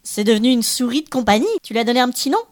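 A woman's voice: a little high, rapid-fire, natural voice. A woman playing a cheerful little Christmas elf who hosts a children's podcast with bubbly, playful chatter. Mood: playful, warm. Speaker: podcast host.

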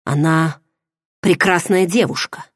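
A man's voice: fairly high pitch, takes it slowly, fairly bright tone, dry recording, studio quality. A woman reading the part of a self-assured noble man who speaks tensely and insistently, in an audiobook. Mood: defensive.

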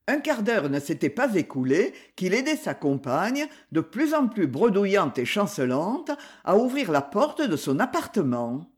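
A narrator reading a detective novel aloud in an unhurried, deliberate way. The voice moves through a wide, animated range of pitch, and the delivery is expressive and scripted. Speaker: audiobook narrator.

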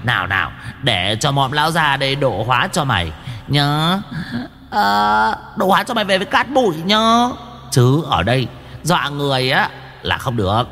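Cackling demon, shrill and very high, swooping, boastful, storybook horror. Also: male voice, very animated, normal speed, bright, forceful tone, big-room sound, slight background noise, heavily acted. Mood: mocking, preachy. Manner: shrill, mocking, preachy, full of wild laughs. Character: cackling boastful male demon, old and chatty.

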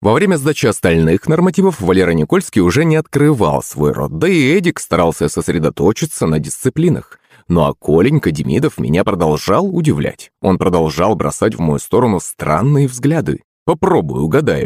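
A man's voice: low-pitched, sing-song, brisk, few pauses, darkish tone, breathy edge, no room sound, studio quality. A man narrating a first-person audiobook.

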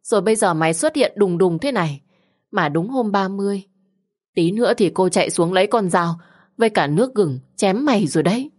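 A woman voicing a fussy middle-aged aunt who scolds in a shrill, rapid voice. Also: a little mellow, natural voice. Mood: scolding.

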